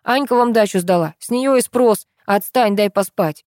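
A woman's voice: mid-range voice, normal speed, a little mellow, no room sound, studio quality, natural voice. A woman voicing a sleepy, irritable village man who grumbles at being woken. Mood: grumpy.

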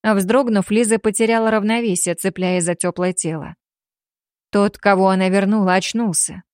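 A woman narrating an audiobook in a steady, measured voice at an ordinary pitch. The recording is dry and close, with no room sound around her. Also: no room sound.

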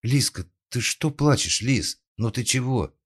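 A brash, tipsy young woman, acted by a male narrator in an audiobook, pitched far above his low voice. She speaks flippantly and carelessly. Her lines come out a bit louder than his narration. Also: expressive, measured pace, slightly rough. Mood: coaxing.

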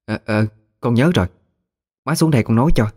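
A man's voice: medium pitch, fairly quick, darkish tone, pitched above the performer's own voice, close to an everyday voice. A man voicing a tired, whiny young daughter with a Mekong Delta Vietnamese accent.

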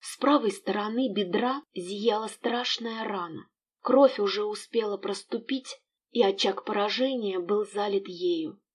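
A woman narrating an audiobook in an expressive storytelling manner. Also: mid-range voice, unhurried, slightly rough.

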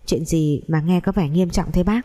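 Giọng nữ đóng tiểu thư si mê, nài nỉ, hờn dỗi. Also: female voice, fairly low pitch, moderate pace, mellow, long reverb tail, close to an everyday voice. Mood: insistent. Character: spoiled young woman, obsessive and scheming.

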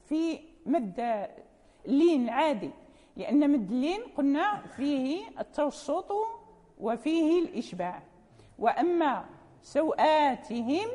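A woman whose voice sits high and sounds a little mellow teaches recitation rules in a classroom lecture. She patiently repeats key terms and makes sure students keep up, all heard through long hall reverb.

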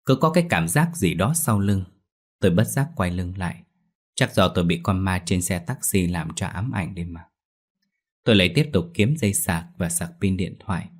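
A man narrating a ghost story in a hushed, suspenseful way. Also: sits low, animated, normal speed, breathy edge.

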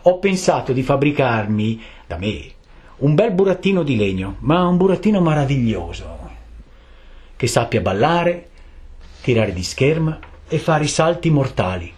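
A man doing grumpy old woodcarver, earnest, flares up easy, lively up and down. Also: medium pitch, unhurried. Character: testy old male woodcarver.

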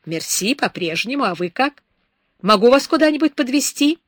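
A woman's voice: on the high side, animated, normal speed, no echo, voice pushed up. A woman voicing a tense, determined man who speaks in a raised, eager tone, read close to a dry microphone. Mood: eager, polite.

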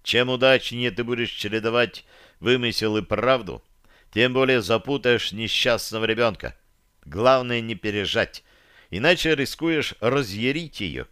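A man's voice: medium pitch, unhurried, a bit bright, clean tone, no room sound, clean studio sound, lightly acted. A man reading an audiobook voices a tense young man giving careful advice. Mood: urgent.

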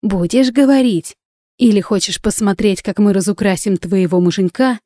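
A woman's voice: mid-range voice, normal speed, dark tone, no room sound, clean studio sound, lightly acted. A woman voicing a hissing reptilian gang boss. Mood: menacing. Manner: snarling, hissing threats. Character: cruel reptilian male gang leader, menacing.

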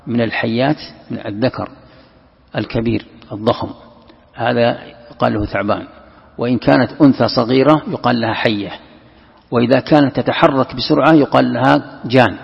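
In a creaky, slightly rough mid-range voice, a religious teacher works through scripture commentary. He raises questions, supplies the answers, and returns to key phrases, while the echoey hall recording sounds dull and lo-fi.

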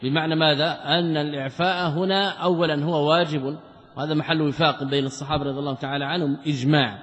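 A man's voice: a little high, steady tone, fast, fairly bright tone. A male scholar giving a religious lesson, reading passages from a commentary and explaining them with rhetorical questions. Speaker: Islamic scholar teaching a text. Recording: muffled, echoey lecture hall recording.

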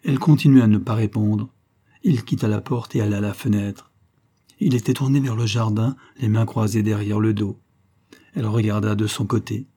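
A man narrating a literary short story in an audiobook, reading in a measured, even way. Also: on the low side.

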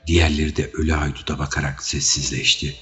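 Very deep-voiced male audiobook narrator. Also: level tone, fairly bright tone. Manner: measured, dramatic reading. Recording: dull audio with faint music.

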